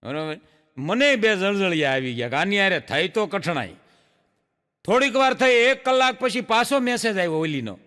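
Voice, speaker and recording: On stage in a big-sounding room, a middle-aged stand-up tells jokes live as a chatty storyteller who draws out his punchlines. His voice is high-pitched and sing-song with a sharp tone, at a moderate pace.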